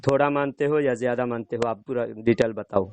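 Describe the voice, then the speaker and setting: A man's voice: medium pitch, fairly even intonation, smooth. A man debating over the phone as a cleric, insistent and repeating his demands. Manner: insistent, repeats himself, pressing. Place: in front of an audience.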